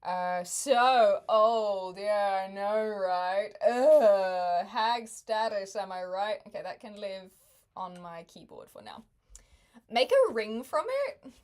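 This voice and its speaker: A woman's voice: mid-range voice, takes it slowly, a little mellow. A woman, chatting casually with viewers on a livestream, laughing often and making wry asides. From New Zealand. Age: 20s.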